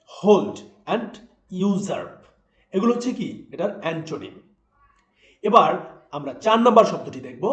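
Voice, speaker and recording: A man teaching English vocabulary in Bengali, talking straight to viewers with quick questions that he answers himself. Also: high voice. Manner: lively, talks to viewers directly with quick asks and answers. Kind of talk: explanatory lesson narration. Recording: roomy echo.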